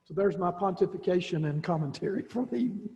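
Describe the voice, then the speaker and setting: A man's voice: high-pitched, fast talker, dark tone. A man, the director of schools, giving rambling, folksy remarks with many restarts at a school board meeting. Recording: dull lo-fi audio in a reverberant room.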